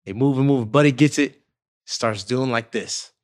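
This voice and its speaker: Young adult male guest, casual slangy storyteller, animated delivery, average pitch. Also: moderate pace. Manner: slangy, animated, acts out quotes, laughs often. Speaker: guest, pro basketball player.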